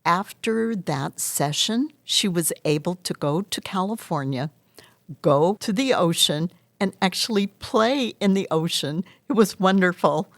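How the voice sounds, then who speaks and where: A woman with a low voice gives interview answers at a very unhurried pace. She explains things earnestly, in measured short phrases. The sound is dry and close. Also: animated, dry recording. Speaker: hypnotherapist interview guest.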